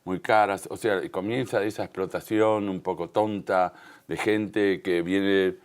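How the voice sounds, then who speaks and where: A man from the Río de la Plata region of Uruguay and Argentina speaks with a Rioplatense Spanish accent as a guest in a conversational TV news interview. His low voice stays steady and clean at a measured pace as he explains things emphatically.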